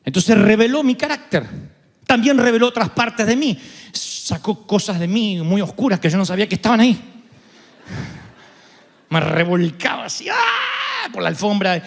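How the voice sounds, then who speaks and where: A man with an Argentine accent, a pastor preaching a sermon, telling stories with sudden shouts and humor. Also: sits high, lively intonation, normal speed, vocal fry, long pauses. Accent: Argentine Spanish. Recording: long reverb of a large hall.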